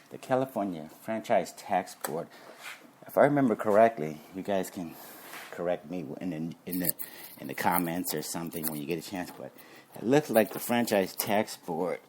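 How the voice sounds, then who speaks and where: A man with a low voice gives a chatty, meandering pitch for his security business. He slips in soft chuckles and sounds slightly short of breath as he cleans his car outside. A faint hum of background noise sits behind him. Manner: rambling, chuckles to himself. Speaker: surveillance company owner. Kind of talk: casual promotional talk.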